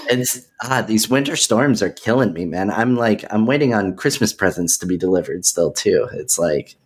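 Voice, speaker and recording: A man hosting a podcast over a video call, talking in a relaxed, hesitant way with many fillers. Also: fairly low pitch, moderate pace. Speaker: podcast host. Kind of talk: casual conversation.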